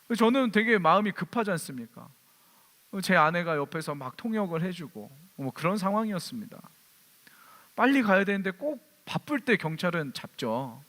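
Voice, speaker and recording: A male pastor giving a sermon, telling a personal story in a lively way and asking the congregation rhetorical questions. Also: high-pitched, moderate pace. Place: church hall. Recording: long church hall reverb.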